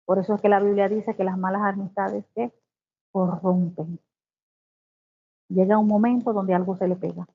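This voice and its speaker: A woman's voice: medium pitch, fairly even intonation. Woman teaching a devotional over tinny audio. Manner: reads scripture slowly, then explains with exclamations. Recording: tinny phone-like sound.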